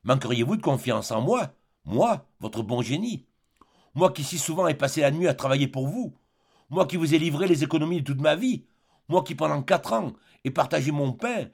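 Give me a possessive, reproachful spinster woman in her forties, as a male audiobook reader puts her on, pitched up and pleading. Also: animated, moderate pace, gravelly, a little mellow, husky, full character voice.

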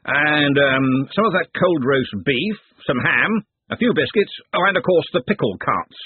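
A man's voice: on the high side, animated, a little slow, breathy edge, no echo, voice pushed up. A man voicing a bluff, hearty elderly head wizard who gives orders to servants. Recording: dry, tinny phone-like sound.

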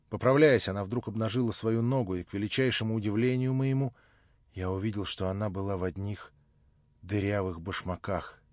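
A man narrating an audiobook of a classic novel in an earnest, measured way. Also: lowish voice, a little mellow, dry recording. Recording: dull lo-fi dry recording.

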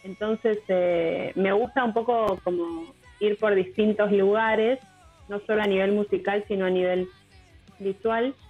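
A woman in her thirties with an Argentine accent, a musician guest talking in a relaxed, hesitant way with many fillers. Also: medium pitch, a little slow. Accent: Argentine Rioplatense. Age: 30s. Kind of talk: casual radio interview. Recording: tinny phone line with music bed.

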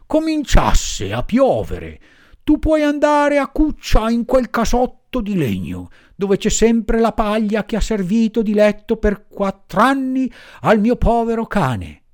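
A gruff farmer barks and scolds, loud and threatening, his words heavy and slow, as a man reading a storybook puts him on. He sounds stern and worked up, not to be argued with. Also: sits high, wildly swooping pitch, voice pushed up, heavily acted.

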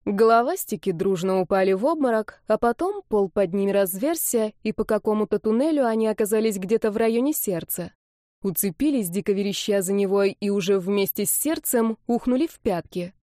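Young woman, first-person audiobook narrator, mellow, expressive, dry close recording. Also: medium pitch, fairly quick, no room sound. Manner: lively, expressive storytelling.

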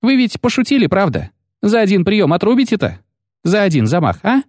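A male narrator plays a high-strung poet with a shrill, wildly swinging voice. He whines and protests in quick bursts. The audiobook is recorded dry and close. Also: very animated, darkish tone, no echo. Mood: panicked. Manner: whiny, indignant, high-strung. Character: shrill panicky male poet condemned to die. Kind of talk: audiobook character voice.

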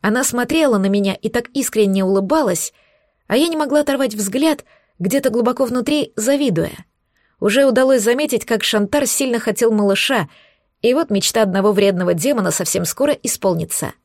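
A woman narrating a novel in the first person, in an even, attentive storytelling manner. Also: a little high, fairly quick, no room sound, clean studio sound. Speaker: audiobook narrator.

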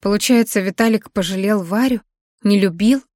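A woman narrating a novel in the first person with a measured, expressive reading. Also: mid-range voice, no echo, clean studio sound. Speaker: audiobook narrator.

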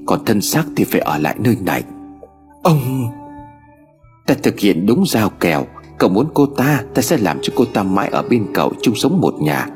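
A man's voice: on the low side, darkish tone. A man voicing a cruel, scornful old male sorcerer who threatens in a sneering tone.

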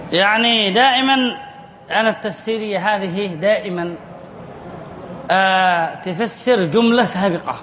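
High-voiced sheikh teaching spelling, roomy recording. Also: male voice. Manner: asks the class questions and answers them himself, repeats examples. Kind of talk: classroom lesson reading and explaining a text. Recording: muffled roomy lecture recording with faint hiss.

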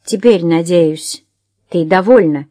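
A woman voicing a blind man who speaks quietly and with tight control. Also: lowish voice, takes it slowly, no echo. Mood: restrained. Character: blind man, calm and restrained.

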